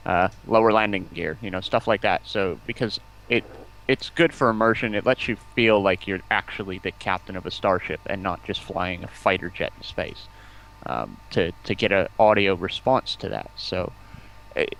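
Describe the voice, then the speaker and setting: This deep, creaky, fairly bright male voice moves at a normal speed over poor-quality audio. As a stream guest who does community outreach, he talks casually in an interview about game streaming, rambling on with enthusiasm and long explanations.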